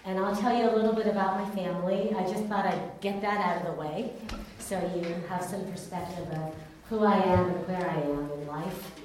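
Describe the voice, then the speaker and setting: A woman born in Taiwan and raised in California shares her personal testimony candidly, in an earnest storytelling manner. Her voice is mid-range and darkish, with fairly even intonation, normal speed and hardly any pauses. The recording comes from a very echoey room with a distant mic and faint noise.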